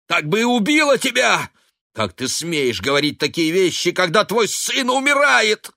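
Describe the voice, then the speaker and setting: A man's voice: high-pitched, sing-song, moderate pace, vocal fry, bright, forceful tone, dry recording, studio quality, pitched above the performer's own voice, full character voice. A man voicing a grief-stricken young woman who screams accusations in fury, in an audiobook reading. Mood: furious.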